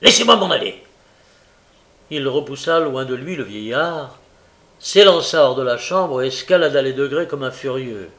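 A man reading a novel aloud in a steady, measured way. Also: medium pitch. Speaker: audiobook reader. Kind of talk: audiobook narration.

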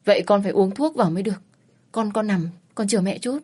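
A woman's voice: mid-range voice, fast, darkish tone, breathy edge, natural voice. A woman voicing a worried, blunt middle-aged mother fussing over her sick daughter. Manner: bossy, blunt, fretting.

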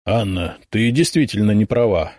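A measured, thoughtful noble father from a storybook, speaking calmly and without hurry, as a male narrator puts him on. The sound is dry and close, with a lively lilt. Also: lowish voice, dry recording. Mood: pensive. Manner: pensive, measured. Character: calm thoughtful aristocratic father, middle-aged.

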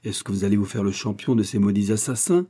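A man's voice: fairly low pitch, fast, warm tone, lightly acted. A man doing a stern police inspector. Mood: furious. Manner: severe, commanding, then explosive. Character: stern, quick-tempered male police inspector.

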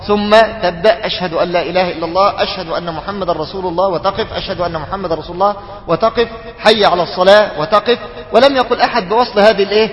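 A man with an Egyptian accent teaching a study circle, mixing formal Arabic with colloquial speech, quizzing his students and slowly chanting phrases to demonstrate them. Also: high voice, in a large hall, muffled recording. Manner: questions students and draws out the answers, chants the takbir slowly to demonstrate.

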